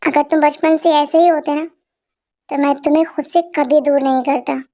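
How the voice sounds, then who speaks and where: A woman voicing a middle-aged father who speaks gently and affectionately, in a fan-dubbed story. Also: high voice, steady tone, normal speed. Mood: fond. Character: middle-aged man, fond indulgent father. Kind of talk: Hindi fan dub storytelling.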